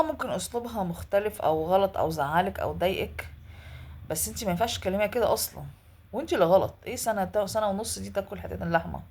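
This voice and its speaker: A woman with an Egyptian Arabic accent talks quickly in a husky voice. She retells a viewer's story and then lectures the viewer bluntly, like a casual advice vlog. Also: mid-range voice, a little mellow.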